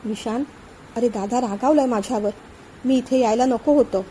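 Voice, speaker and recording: A woman reading a storybook voicing a worried, guilt-ridden young woman in love, speaking softly and anxiously. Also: a little high, moderate pace, a little hiss or hum, close to an everyday voice, low-quality recording. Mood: guilty, pleading. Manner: soft, anxious, pleading.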